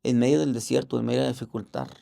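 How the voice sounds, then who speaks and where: Very gravelly man telling his testimony. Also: mid-range voice, fairly even intonation, warm tone. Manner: earnest, halting storytelling with religious fervor; acts out other people's words in raised voices. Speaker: interview guest. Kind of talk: personal faith testimony.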